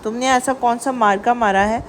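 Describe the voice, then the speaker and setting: A woman's voice: a little high, fairly even intonation, slight background noise, lightly acted. A woman voicing a strict, exasperated mother who scolds her daughter. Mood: scolding. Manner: stern and scolding.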